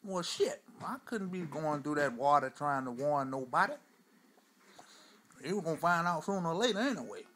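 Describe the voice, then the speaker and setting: In a stand-up character monologue, a man with a rather high, animated, fairly bright voice plays a crude old Southern man spinning tall tales. At normal speed and with a wry mood, he rambles in a loose, profane drawl, constantly asking "you know" and "see?", over slight background noise.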